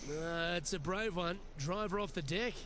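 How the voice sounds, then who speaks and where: A man playing a composed television golf commentator in a sports game. His voice sits a little high and keeps a measured broadcast delivery as he describes play, with loud noise behind him. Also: close to an everyday voice. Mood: composed, informative. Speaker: golf commentator, lead announcer.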